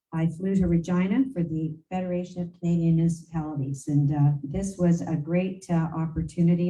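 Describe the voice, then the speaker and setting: A regional council warden, a native English speaker with a lowish, dark voice, reports to mayors at a council meeting. Her unscripted report is casual, chatty, and rambling, with many fillers and restarts. She sounds distant, with faint room noise.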